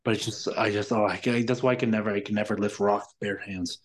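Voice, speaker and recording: A man's voice: fairly low pitch, steady tone, fast talker. A man telling a long story in casual chat, rambling and swearing, exasperated with careless people. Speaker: podcast guest.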